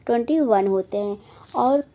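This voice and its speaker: Young female teacher with a fairly high, mellow voice, slow and repetitive, sounding out example words. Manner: slow, repetitive, says each example word aloud. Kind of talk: phonetics lesson explained in Hindi.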